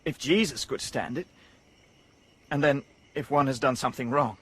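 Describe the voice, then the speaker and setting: In a BBC radio drama, a male actor voices the Savage, a lonely, earnest young man raised as an outcast. His mid-range, fairly bright voice has a breathy edge and a moderate pace, sounding wistful, earnest and wonder-struck. The audio quality is poor.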